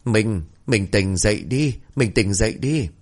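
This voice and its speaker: A man's voice: lowish voice, unhurried, lightly acted. A man voicing a husband pleading with his possessed wife. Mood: helpless. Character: distraught young husband.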